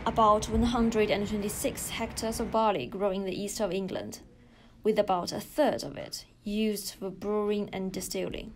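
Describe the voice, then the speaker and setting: Woman narrating over loud background noise. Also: mid-range voice, fairly even intonation, normal speed.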